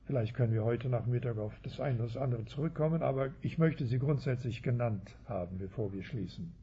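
A man's voice: mid-range voice, fairly quick, warm tone, husky, muffled recording. A man giving an expository sermon as a Bible teacher, with a habit of tagging sentences with "ja" and correcting himself as he goes. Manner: frequent tag "ja", self-corrections.

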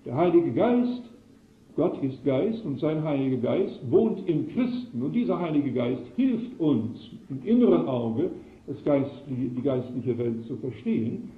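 A man's voice: mid-range voice, animated, unhurried, phone-quality sound. Man preaching an earnest sermon full of probing questions; roomy, echoey recording.

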